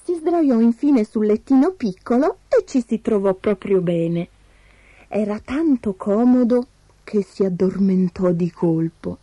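A woman reading a fairy tale aloud expressively, slowing down for suspense. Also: medium pitch, lively intonation, mellow, husky, dry recording. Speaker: storyteller.

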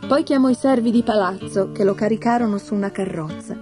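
A woman narrating a fairy tale in a steady, measured scripted reading. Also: mid-range voice, over music. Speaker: storyteller.

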